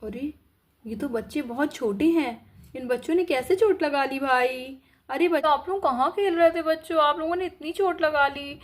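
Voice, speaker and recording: A woman's voice: high-pitched, moderate pace, close to an everyday voice. A woman voicing a bossy, strict male doctor in a doll story, scolding and giving orders. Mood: stern. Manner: stern, scolding.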